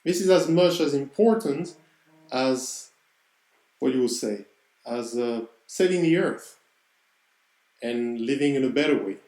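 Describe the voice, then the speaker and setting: A man's voice: mid-range voice, a little slow, pauses often, a little mellow, echoey room, low-quality recording. A man with a French accent, hosting a podcast and telling a personal story in an earnest, reflective way. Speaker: podcast host.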